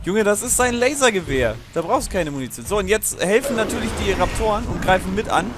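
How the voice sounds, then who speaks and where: A man talks loosely while playing a video game, drifting off on tangents, cursing and laughing as he goes. His voice sits a little high for a man, and faint game music plays behind him. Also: expressive, fast. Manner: chatty, digressive, swearing, laughing often. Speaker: let's play host. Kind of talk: casual gaming commentary.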